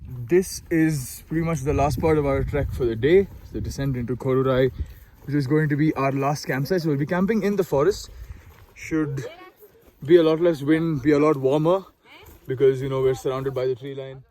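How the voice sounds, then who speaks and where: Mid-pitched man vlogging on a trek. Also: fairly even intonation, normal speed, warm tone, low-quality recording. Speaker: trekking vlogger. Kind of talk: casual vlog to camera. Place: outdoors on a mountain trek.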